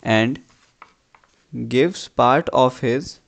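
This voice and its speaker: A man giving an English dictation as a teacher, reading deliberately phrase by phrase and repeating phrases. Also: mid-range voice, vocal fry.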